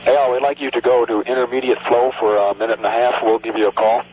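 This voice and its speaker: A man's voice: mid-range voice, level tone, quick pace, noisy background. A man at mission control speaking to astronauts over an archival radio link in procedural, clipped phrases.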